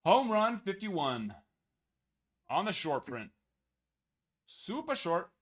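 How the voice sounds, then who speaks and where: A young man with a high-sitting voice hosts a live card break at a slow pace, relaxed and chatty. He reads out numbers in a steady list as his voice grows worn and begins to give out.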